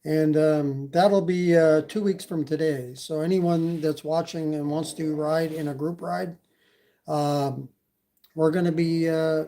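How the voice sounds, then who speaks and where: His voice is a little high yet dark in tone: a Canadian e-bike channel host with a faint accent, casually live streaming. He rambles on, leans heavily on fillers and reads out comments from chat.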